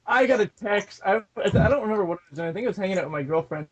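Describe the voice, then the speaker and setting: A man's voice: high-pitched, lively intonation, very fast, dull audio. A man co-hosting a gaming podcast, talking loosely and rambling with many fillers. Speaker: podcast co-host. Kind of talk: casual chat.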